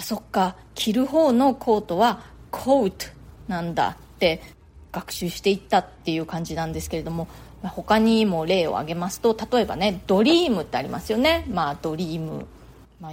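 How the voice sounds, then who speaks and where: A woman's voice: mid-range voice, a little mellow. Chatty Japanese woman podcaster. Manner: chatty, frequent filler words. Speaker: podcast host. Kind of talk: casual podcast monologue.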